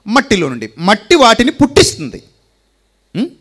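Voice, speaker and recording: A man's voice: high voice, wildly swooping pitch, normal speed, a bit bright, breathy edge. A man preaching a sermon, who asks rhetorical questions and repeats his lines for emphasis.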